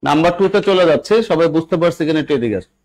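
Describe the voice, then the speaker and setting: A fairly high-pitched young man with a Bangladeshi accent leads a live online spelling class. He repeats instructions over and over, coaxing students to write answers and checking that they understand. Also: animated, racing, a little mellow, poor audio. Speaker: English teacher for job exams.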